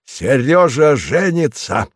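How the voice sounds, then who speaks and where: A man voicing an excitable, cheerful country gentleman in an audiobook, calling out loudly and jovially. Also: medium pitch, takes it slowly, breathy edge, no room sound, studio quality, voice pushed up, full character voice. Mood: jubilant. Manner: loud, exclamatory, jovial. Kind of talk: audiobook character reading.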